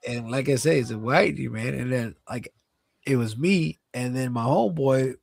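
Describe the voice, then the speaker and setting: A man's voice: mid-range voice, normal speed, creaky, no room sound. A young man co-hosting a casual late-night podcast, telling stories in a loose, slangy way. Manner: animated, slangy storyteller. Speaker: podcast co-host.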